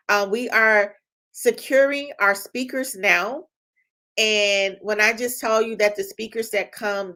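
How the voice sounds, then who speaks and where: A woman's voice: mid-range voice, fairly bright tone. A middle-aged woman who leads a publishing company, giving an emphatic motivational talk that repeats phrases and checks in with "right?".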